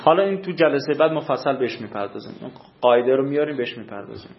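A man's voice: mid-range voice, animated, creaky. A male teacher giving a classroom lecture on recitation rules, explaining patiently and quizzing his students. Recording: echoey room, dull lo-fi sound.

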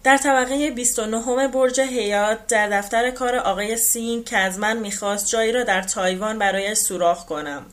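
A woman reading the part of an older man who calmly and reflectively recounts his past in a novel. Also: a little high, hardly any pauses, natural voice.

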